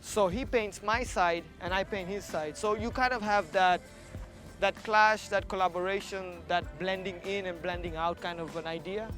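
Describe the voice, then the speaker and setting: A man's voice: high-pitched, steady tone, moderate pace, music in the background. A man talking casually and reflectively as a street artist in a documentary, often repeating words for emphasis. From Kenya. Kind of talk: casual documentary interview and walk-along talk.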